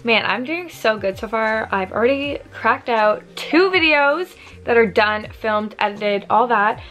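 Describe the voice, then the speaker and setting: A woman's voice: a little high, animated, a little slow, fairly bright tone, echoey room, low-quality recording. A woman in her twenties chatting casually to camera in a home kitchen, upbeat and full of "like". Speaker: vlogger. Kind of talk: casual vlog chat.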